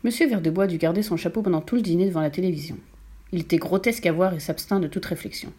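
A woman narrating a children's novel in a measured, expressive storytelling manner. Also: lowish voice, slightly rough. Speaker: audiobook narrator.

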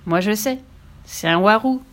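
A woman's voice: medium pitch, measured pace, natural voice. Woman playing a cheeky little redheaded girl. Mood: triumphant. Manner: bold, indignant, playful. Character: cheeky fearless red-haired little girl.

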